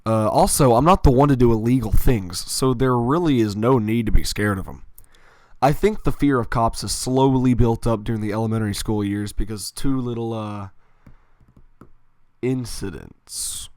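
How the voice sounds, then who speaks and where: Man, mid-pitched voice, casual storytime vlog, rambling, dry recording. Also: normal speed, dry recording. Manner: chatty, rambling, with fillers and self-corrections. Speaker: animator telling a storytime.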